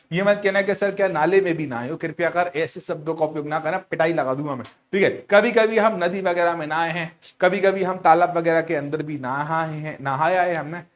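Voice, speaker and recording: A man teaching a class, animated and teasing, asking questions and repeating key words back to his students. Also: high-pitched. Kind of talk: lively storytelling lecture.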